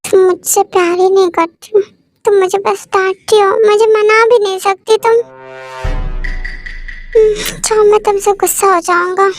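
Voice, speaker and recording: A woman's voice: extremely high pitch, steady tone, normal speed, soft background music. A woman voicing a playful young husband who sulks dramatically at his wife, in a fan audio love story. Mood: sulking. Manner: playful, melodramatic sulking.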